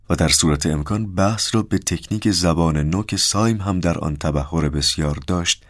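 A man reading a novel aloud as an audiobook narrator, in an even, measured way. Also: rumbling low, no echo, clean studio sound.

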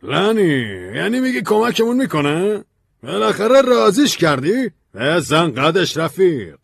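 A man's voice: sits high, very animated, vocal fry, slightly rough, no echo, clean studio sound, voice pushed up, heavily acted. A man voicing an eager, hopeful friend in an audiobook story. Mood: excited.

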